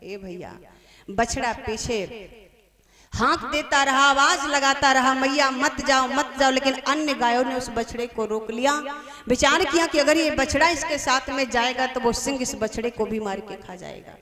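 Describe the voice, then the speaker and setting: A woman's voice: high voice, moderate pace, fairly bright tone, long reverb tail. A woman devotional storyteller narrating a sacred tale in a sing-song sermon manner, repeating phrases for emphasis. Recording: live crowd noise behind.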